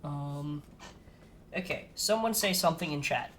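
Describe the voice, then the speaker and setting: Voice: medium pitch, unhurried, a bit bright, slight background noise. A podcast co-host chatting casually on a live stream, flustered and self-deprecating, laughing through technical trouble. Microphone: streaming setup with desk mic.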